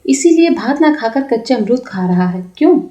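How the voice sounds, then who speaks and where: A woman's voice: a little high, expressive, normal speed, dark tone, natural voice. A woman voicing a weary young wife in a told story, stern and exasperated with a boy in her care. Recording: roomy, dull lo-fi recording.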